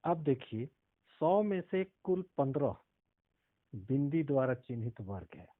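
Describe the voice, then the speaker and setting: A man's voice: medium pitch, sing-song, unhurried, no room sound. A male math teacher explaining decimal multiplication step by step, often stopping to ask if students understood. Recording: tinny phone-like audio.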